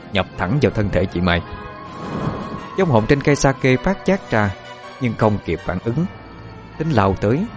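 A man narrates a horror tale in a low voice with a southern Vietnamese accent. The reading is scripted and dramatic, set over quiet music. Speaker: storyteller. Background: faint music.

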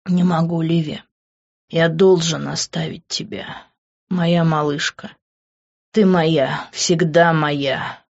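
A woman narrator voicing a jealous, possessive young man who speaks in a low, hushed, intense tone. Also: steady tone, slow pace, creaky, highs cut off, heavily acted. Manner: low, hushed and intense, often near a whisper.

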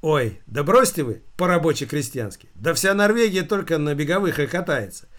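Guy voicing a fussy sporty office lady, boastful, pitched up a bit. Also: lively intonation, normal speed, natural voice. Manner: fussing, boastful. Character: fussy sporty middle-aged woman employee.

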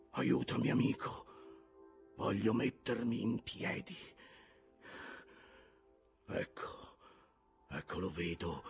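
A man's voice: medium pitch, vocal fry, a little mellow, voice pushed up, heavily acted. A man voicing an obsessed old sea captain who bellows orders feverishly in an audiobook reading. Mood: exultant.

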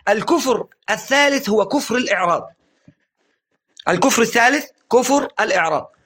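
A man giving a religious lesson in an earnest lecturing tone, often urging listeners to pay attention, stressing phrases slowly and letting his voice drop at the ends of sentences. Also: very high voice, sharp tone. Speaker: religious teacher.

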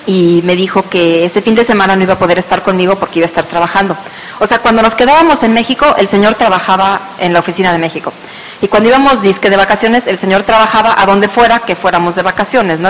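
A woman with a Mexican Spanish accent telling a personal business testimony, acting out the voices of the people in her story. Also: mid-range voice. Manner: lively storyteller who acts out quoted voices. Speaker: speaker sharing a business testimony. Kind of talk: personal testimony told to an audience. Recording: reverberant hall with faint hiss.

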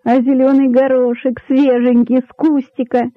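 A man's voice: sits high, expressive, normal speed, dry recording. A man voicing a crafty old rabbit king. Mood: sly, grandiose. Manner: sly orator, stately speechifying. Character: elderly rabbit king, crafty and pompous, male. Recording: dull lo-fi dry recording.

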